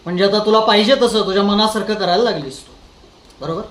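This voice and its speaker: A man's voice: sits high, steady tone, fast. A man playing a coldly menacing husband. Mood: cold, taunting. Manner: soft, taunting menace that turns to sharp outbursts. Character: controlling, menacing young husband, coldly cruel. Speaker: actor in an audition. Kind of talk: dramatic monologue.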